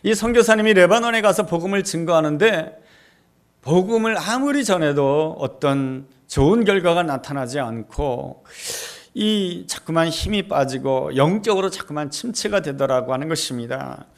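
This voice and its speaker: A man delivers a sermon from a church pulpit in a high-pitched voice. His telling is emphatic, and it rises into fervent, forceful peaks. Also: expressive, moderate pace. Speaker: pastor. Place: church sanctuary.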